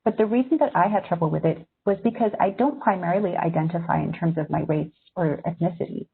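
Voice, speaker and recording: A woman with a lowish, gravelly voice and a breathy edge talks quickly, her audio tinny from a video call. She grew up in Syria and is a magazine editor, giving a thoughtful, reflective webinar talk to journalism students.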